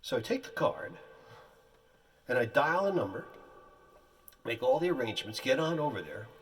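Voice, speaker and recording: A man telling a comic personal story in animated, colorful, folksy phrasing, heard from a distance. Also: mid-range voice, normal speed.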